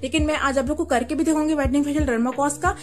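A young woman speaking through a cloth veil, chatting casually as she reviews a beauty product and keeps adding quick check-ins. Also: high voice, steady tone. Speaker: beauty vlogger. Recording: faint music behind.

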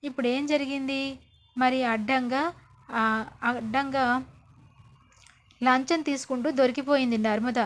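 A woman's voice: sits high, steady tone, unhurried, long pauses. A woman voicing a scheming, gloating middle-aged woman relative in a retold serial, sly and needling.

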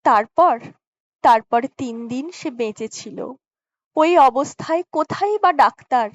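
A woman reading as a gentle, earnest young revolutionary man in an audiobook story, speaking high and slow. His tone stays earnest throughout. The recording is dry and a little muffled. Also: animated, dry recording. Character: earnest male revolutionary elder brother, gentle. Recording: dry, slightly dull lo-fi recording.

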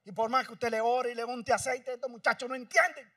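A male pastor preaching a sermon, swinging between shouting and hushed, dramatic passages. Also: extremely high pitch, steady tone, fairly quick, dry recording, distant mic.

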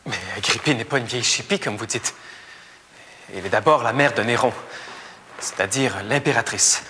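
An actor as an earnest young priest in a television period drama. The male voice is medium-pitched and crisp-edged, formal and didactic, ringing in a reverberant hall. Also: moderate pace, pushed and bright, close to an everyday voice. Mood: earnest, firm. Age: young adult. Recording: echoing hall, faint noise.

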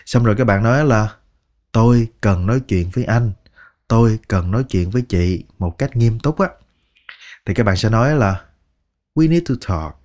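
A man with a Vietnamese accent teaching English phrases, slowly repeating each word one at a time. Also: on the low side, darkish tone. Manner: slow, patient, repeats words one by one. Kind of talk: language lesson narration.

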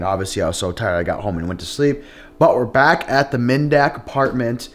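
A young man hosting an outdoor fishing vlog, talking in a chatty, upbeat and excitable way into an action camera. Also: medium pitch. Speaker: host. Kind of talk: casual outdoor vlog narration. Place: ice fishing shelter and open frozen lake, later a home kitchen. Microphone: handheld or body-worn action camera.

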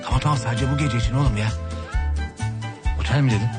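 A man's voice: medium pitch, fast, over loud music, close to an everyday voice. An actor playing a scheming, lazy man who wheedles his wife and brother with melodramatic complaints. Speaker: actor in a TV comedy series.

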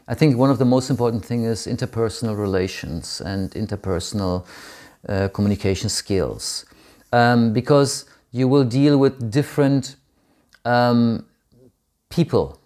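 A man's voice: medium pitch, darkish tone. A man in his forties, a curator, answering an interview question to camera from a home study, thoughtful and searching for words with frequent ums and restarts. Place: home study with bookshelves, indoors.

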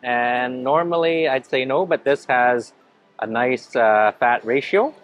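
A food vlogger in his thirties walks through a big indoor hotel buffet, eating and enthusiastically narrating each dish to a handheld camera held at arm's length. His mid-range voice moves slowly, and the highs are cut off in this casual vlog.

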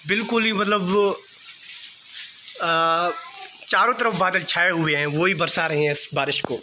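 A man's voice: high-pitched, steady tone, a little slow, noisy background. A young man chatting loosely to camera in a casual home vlog, filler words and restarts throughout. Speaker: vlogger. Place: at home and outdoors in rain.

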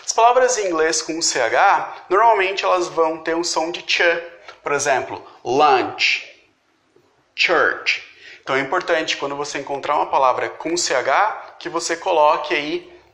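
A man whose first language is Portuguese explains pronunciation as a tutor, repeating example words slowly and deliberately. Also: on the high side, fairly bright tone, roomy sound. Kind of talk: instructional explanation.

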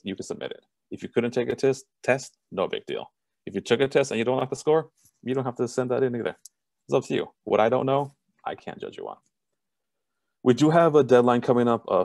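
A man from Southern California runs an online admissions session over a video call. His voice sits low and close and dry, with no room around it. He talks in an even, self-described monotone and is blunt about what he thinks. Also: creaky, no echo. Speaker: college admissions representative. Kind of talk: online information session presentation.

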